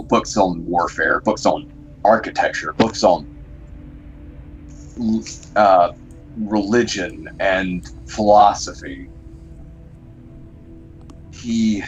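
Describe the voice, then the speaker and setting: A young man narrating a tabletop game as game master, slow and deliberate, excitable when joking with friends. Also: low voice, lo-fi sound.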